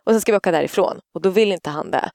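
Gravelly-voiced woman telling a lively story. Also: on the low side, dry recording, clean studio sound. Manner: animated anecdote-telling, acts out quotes loudly. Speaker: podcast co-host, parent. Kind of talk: casual storytelling chat.

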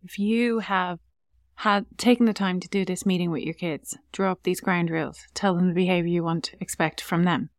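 A woman's voice: fairly low pitch, fairly even intonation, moderate pace, no echo, clean studio sound. Woman giving earnest parenting advice. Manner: acts out what to say to a child. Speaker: parenting podcast co-host. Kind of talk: casual podcast chat.

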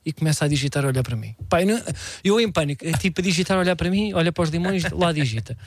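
Fast, high-voiced Portuguese man telling a story. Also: no echo. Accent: European Portuguese. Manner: animated, self-mocking, laughs through the telling. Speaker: radio show regular. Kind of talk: comic storytelling. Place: radio studio.

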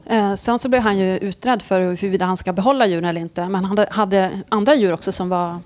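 A woman, a police officer, animatedly telling a story in casual conversation and swearing freely. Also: mid-range voice. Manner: lively, swears freely, acts out scenes.

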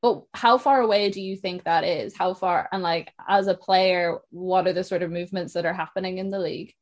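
Young woman, west of Ireland accent, lower-pitched voice, podcast host, casual chat. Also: fairly even intonation, fairly quick. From Sligo, west of Ireland.

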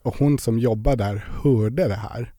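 A man's voice: mid-range voice, mellow, no room sound. Young guy w rambling thru a story, lots of fillers, dead dry mic. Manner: chatty storytelling with many fillers. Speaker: podcast guest. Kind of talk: casual interview chat.

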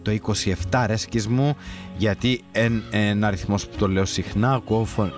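A man's voice: on the low side, fairly even intonation, soft background music. A man with a Cypriot Greek accent hosting a radio morning show, joking and breaking into song. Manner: jokey, sings snatches of songs, laughs often. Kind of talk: playful on-air banter.

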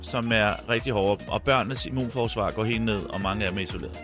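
A middle-aged man as a radio guest telling long, animated anecdotes in casual chat. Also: fairly low pitch, soft background music. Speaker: radio guest, quiz setter.

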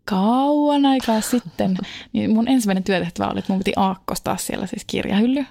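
Gravelly-voiced woman chatting, dry sound. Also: mid-range voice, warm tone, dry recording. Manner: laughs often, self-mocking storytelling. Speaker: podcast co-host. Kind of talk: casual chat.

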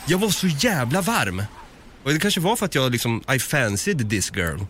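A man's voice: mid-range voice, big pitch swings, fairly bright tone, slight background noise. A man, co-hosting a podcast and telling a story in casual chat, acting out both sides of the exchange. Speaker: podcast co-host.

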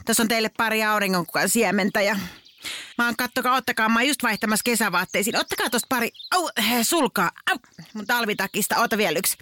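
A woman's voice: medium pitch, pushed and bright, lightly acted. A woman voicing a trendy, chatty female songbird in a children's audio story. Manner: breezy, chatty, slangy. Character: trendy female great tit bird, a social media poser.

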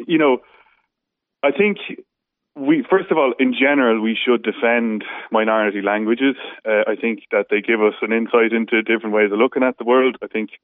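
A man in a radio debate, speaking very haltingly with many false starts. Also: fairly low pitch, no room sound. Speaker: phone-in debater. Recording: narrow phone-like radio line.

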